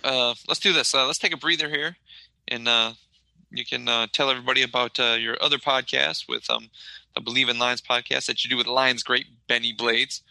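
A man's voice: medium pitch, steady tone, a little fast, creaky, sharp tone, no room sound, low-quality recording. A man co-hosting a sports podcast in casual chat. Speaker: podcast co-host.

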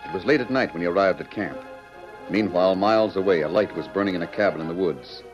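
A man's voice: low-pitched, fast talker, close to an everyday voice. A man narrating a vintage radio western drama, reading scripted story links. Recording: muffled old radio recording with music. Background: music.

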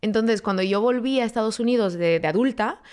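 A woman's voice: on the high side, fairly quick, a little mellow. A woman from Spain speaking with a Spain Spanish accent, a podcast guest in casual chat who tells stories animatedly and acts out quotes. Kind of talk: casual conversation.

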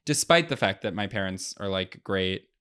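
A man's voice: sits low, expressive, moderate pace, a bit bright, clear, resonant tone. A young man chatting as a guest on a podcast, rambling with lots of fillers and restarts. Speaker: guest comedian. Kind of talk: casual podcast chat.

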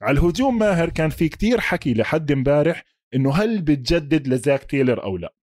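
A man with a Levantine Arabic accent talks football as a podcast co-host. His voice sits a little high and races along in a dry, close sound. He is emphatic, sprinkles English sports terms through his analysis and keeps checking that his partner follows. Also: sing-song, fast, darkish tone, no room sound. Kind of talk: casual American football analysis chat.

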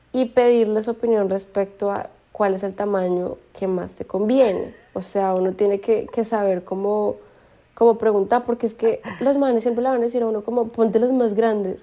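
A woman co-hosting a podcast, giving thoughtful, measured advice and restarting her sentences as she goes. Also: mid-range voice, mellow. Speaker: podcast co-host. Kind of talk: casual chat.

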